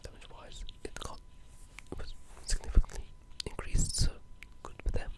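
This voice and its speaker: Spoken at normal speed, the clip is an unvoiced, breathy whisper. It drifts casually through video game topics in ASMR style, carried by a keen gamer's manner of talking.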